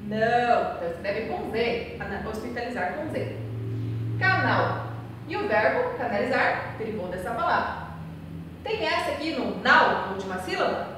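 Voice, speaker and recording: A woman teacher with a high voice walks students through a class, posing their questions aloud and then answering them. She spells out letters and goes back over the key points. Her voice comes from far across a very echoey hall, with faint noise behind it. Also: very animated, moderate pace. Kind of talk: recorded remote class lesson.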